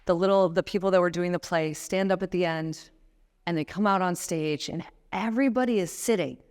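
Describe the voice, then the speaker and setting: A woman's voice: on the low side, a little fast, a little mellow, clean tone. A woman in her thirties giving a motivational talk as a guest speaker, emphatic and building to passionate appeals. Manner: emphatic, rising to passionate exhortation. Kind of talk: motivational talk to a live audience.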